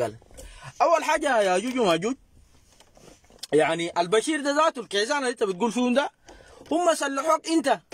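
Lively, mocking Sudanese commentator. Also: male voice, very high voice, a little hiss or hum. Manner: mocking, sarcastic. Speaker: host reacting to videos. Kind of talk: casual commentary.

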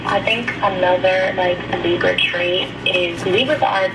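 A woman's voice: on the low side, steady tone, unhurried, loud music behind the voice, low-quality recording. A young woman speaking off camera in a home kitchen, chatting casually, rambling with lots of fillers and giving advice. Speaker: friend off camera. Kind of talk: casual chat. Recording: off-camera voice, loud background noise.

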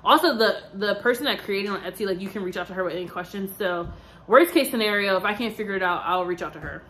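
A tired woman in her twenties rambles chattily to her vlog viewers, full of "like," "um," and side remarks. Her medium-pitched voice is fast and fairly bright, and the low-quality recording carries a little hiss or hum.

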